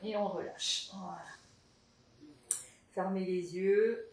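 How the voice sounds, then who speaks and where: A woman's voice: medium pitch, fairly even intonation, slow pace, darkish tone, recorded from a distance. A woman teaching a pilates class at home, chatty and encouraging as she guides the moves. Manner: chatty and encouraging, tags lines with "hein". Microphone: camera in front of her. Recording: echoey room, voice from afar.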